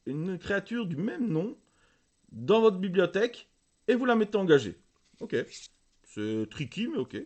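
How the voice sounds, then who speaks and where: Excitable man with a lively, high voice. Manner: excitable, gushing over cards, reads card text aloud with many fillers. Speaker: channel host opening booster packs. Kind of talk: casual commentary while opening trading cards.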